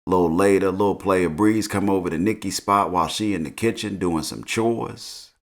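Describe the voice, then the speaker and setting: A middle-aged man with a fairly low voice recaps a TV show. He talks in a relaxed, slangy way and keeps chuckling through the story. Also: moderate pace. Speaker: TV recap host.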